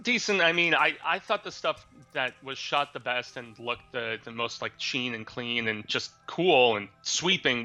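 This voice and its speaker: A man with a strikingly bright, crisp-edged tone co-hosts a casual movie review, at a middle pitch. He is eager and agreeable, quick to chime in and back up his partner. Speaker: co-host of a horror movie review show.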